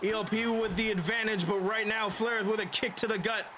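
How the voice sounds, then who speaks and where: High-pitched excitable man doing wrestling commentary. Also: a little fast, background noise. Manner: shouts at big moves, stretches out key calls.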